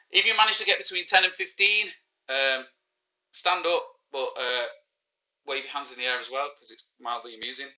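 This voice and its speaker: A Mancunian teacher from Manchester, England, in his forties, runs a live online quiz as a casual livestreamed lesson, joking and poking fun at himself. His mid-range voice sounds bright and forceful, though the recording quality is poor.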